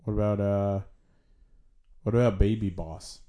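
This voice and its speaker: A man's voice: on the low side, steady tone, a little slow, dark tone. A young man co-hosting a casual podcast, joking around playfully and laughing often. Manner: giggly, playful banter. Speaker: podcast co-host. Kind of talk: casual news chat.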